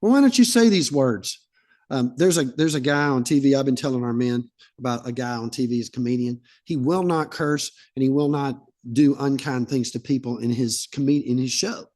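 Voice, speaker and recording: A man's voice: mid-range voice, steady tone, brisk, a little mellow. A man, a pastor, preaching a sermon in a conversational, anecdotal way and acting out bits of dialogue.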